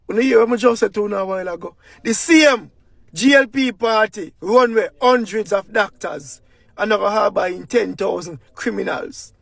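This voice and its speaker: Impassioned Jamaican man, high gravelly voice. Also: moderate pace, no echo. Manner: impassioned, heavy patois, rhetorical questions. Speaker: commentator. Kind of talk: political commentary rant.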